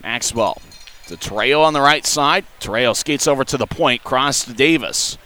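A man announcing a hockey game in rapid play-by-play, with clipped running calls that follow the action. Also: mid-range voice, sharp tone.

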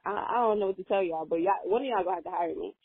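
A young woman, a native Spanish speaker, talks earnestly as an interview guest, rambling casually and leaning on lots of fillers. Her lowish voice races along with a creaky, slightly rough edge. The audio is dry and tinny, like a phone line.

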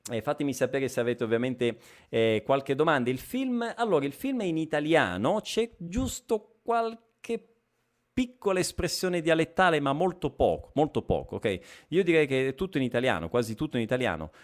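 A man's voice: a little high, expressive, moderate pace. A man teaching a live online language lesson, who keeps asking "ok?" and repeats phrases so students can follow. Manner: checks in with frequent "ok?" and repeats phrases.

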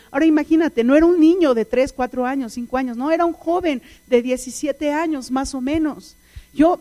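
A woman's voice: high voice, mellow. A woman, preaching a sermon in an earnest, pleading way full of questions.

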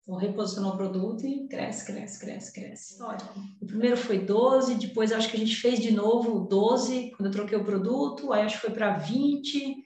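Brazilian businesswoman, high bright voice, chatty and heartfelt, heard from a distance. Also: fairly quick, hardly any pauses. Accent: Brazilian Portuguese. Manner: emotional, chatty, peppered with slang fillers. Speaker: entrepreneur guest. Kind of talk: casual storytelling. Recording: very echoey room, voice off-mic.

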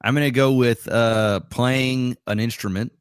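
A man in his thirties co-hosting a casual podcast, talking in a laid-back, drawn-out way with plenty of swearing. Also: mid-range voice, steady tone, clean tone, dry recording, clean studio sound. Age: 30s. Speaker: podcast co-host. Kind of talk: casual chat.

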